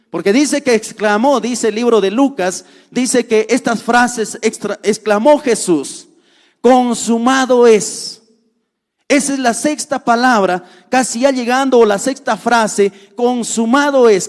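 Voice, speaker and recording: A man with a strikingly high voice preaching a sermon, earnest and deliberate, repeating key phrases slowly for weight. His voice rings out with a long reverb tail, as if in a large church hall. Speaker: pastor.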